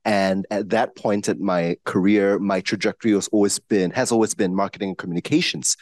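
A man from Singapore on an alumni panel in a lecture hall, measured and articulate. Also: on the low side, steady tone. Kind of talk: answering on a live panel. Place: large university lecture hall.

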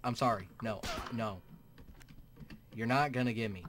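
A man's voice: medium pitch, unhurried, a bit bright, slight background noise. A young man giving crude, joking gaming commentary, swearing often and dropping into whispered asides. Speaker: gaming YouTuber. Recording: keyboard clicks and typing behind voice.

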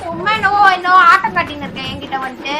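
A woman's voice: very high voice, very fast, crowd noise. A woman vlogger in a staged prank argument, indignant and repeating her retorts. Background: loud background music.

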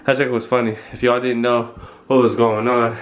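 A young adult man wraps up his vlog at home in a small room, talking casually into a phone held at arm's length. He rambles and uses slang, his medium-pitched voice moving at a normal speed with little pitch variation.

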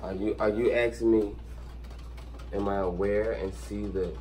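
A man's voice: on the low side, steady tone, unhurried, a little mellow. A man and father hosting a vlog, talking casually in a slangy, probing, questioning way from inside a car. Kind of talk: casual chat.

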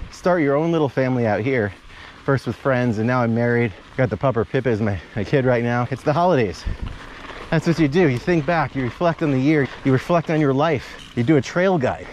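A man in his thirties chats and cracks jokes while riding mountain bike trails outdoors, wandering off into rambling asides. His voice is medium-pitched and a little mellow. The action-camera recording carries a bit of hiss or hum.

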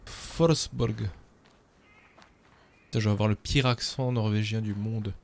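A man's voice: lowish voice, flat delivery, a little fast. A man streaming a game, chatting casually with viewers and cracking self-mocking jokes. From France. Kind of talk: casual gameplay commentary.

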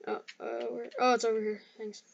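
A woman's voice: on the high side, flat delivery, fairly quick, creaky, highs cut off, slight background noise. Young woman chatting over gameplay. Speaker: gaming youtuber. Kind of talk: casual gameplay chat.

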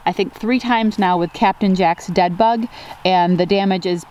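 Outdoors in an open farm field, a woman in her thirties who farms flowers in upstate New York gives viewers an upbeat, casual vlog tour while holding the camera as she walks. She speaks at a moderate pace in a mid-range, darkish voice. The sound is lo-fi with slight background noise.

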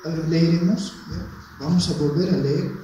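Male pastor, high voice, fiery sermon, booming echo of a church hall. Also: fairly even intonation, moderate pace. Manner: impassioned, swings from quiet asides to shouted peaks. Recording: very echoey church hall, mic far off, faint noise.

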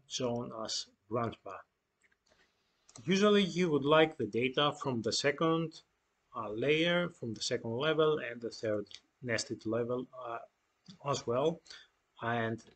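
A young man calmly walking through a software tutorial step by step, with frequent fillers and restarts. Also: mid-range voice. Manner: unhurried, explaining step by step with many fillers and restarts. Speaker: data engineering tutor. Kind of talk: screen-share tutorial walkthrough.

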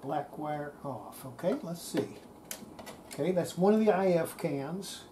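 Working at her cluttered electronics bench, an older radio restorer mutters to herself in a low, expressive voice at a measured pace. Her commentary is casual and hands-on, and the room recording picks up workshop noise.

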